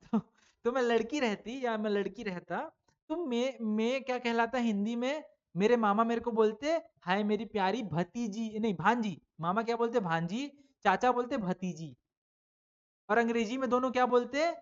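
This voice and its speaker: A man teaches a class of children in a relaxed, chatty way, posing questions and answering them himself. His recording sounds a little dull and lo-fi. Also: sits high. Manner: chatty, addresses pupils as "beta". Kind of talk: online exam-prep lesson for children.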